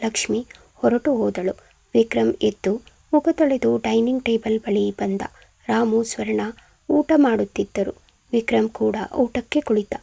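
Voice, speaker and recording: Woman storyteller, steady reading, gravelly mellow voice. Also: fairly high pitch, a little slow, dry recording. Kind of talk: scripted narration.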